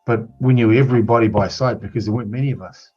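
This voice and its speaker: A man's voice: medium pitch, fast, dark tone, husky. A man in his sixties with a New Zealand accent, reminiscing in a rambling, matter-of-fact way as an interview guest. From South Auckland, New Zealand. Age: 60s. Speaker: guest, lawyer and community advocate. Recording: muffled, dull sound with music behind.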